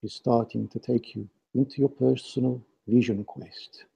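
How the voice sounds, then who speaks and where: Hushed, mellow man guiding a meditation. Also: medium pitch, fairly even intonation, moderate pace, creaky, slightly rough, muffled recording. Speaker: meditation and live channeling leader. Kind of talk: guided meditation.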